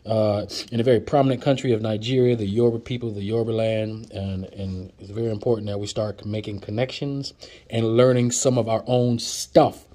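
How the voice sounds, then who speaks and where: With a lowish, mellow voice and a steady tone, a man moves briskly through a casual flashcard lesson. He repeats each word and jokes with viewers, sitting off camera at an indoor table.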